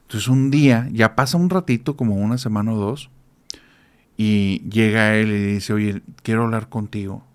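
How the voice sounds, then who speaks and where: A man's voice: lowish voice, moderate pace, smooth. A man with a Mexican accent, a podcast guest casually recounting listeners' horror stories, rambling with restarts. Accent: Mexican Spanish. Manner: rambling, with frequent restarts and acted quotes.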